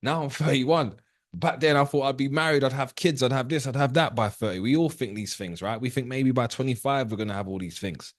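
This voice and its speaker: A man's voice: mid-range voice, a little fast, no echo, clean studio sound. A man in his thirties teaching trading on a live call, casual and direct, often asking his viewers questions. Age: 30s. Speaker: trading educator.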